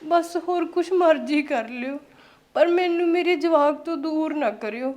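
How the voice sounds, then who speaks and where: A woman's voice: sits high, measured pace, darkish tone. An actress playing a tearful young wife and mother who pleads to keep her daughter near her. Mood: pleading. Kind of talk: village family drama acting.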